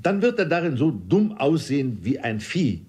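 A man voicing an excitable, fussy father, insistent and raising his voice. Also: fairly low pitch, unhurried. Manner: insistent, fretful, raised voice.

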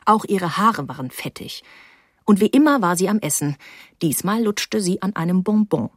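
A woman with a medium-pitched voice narrates an audiobook in a measured, even storytelling manner. The sound is studio quality with no echo.

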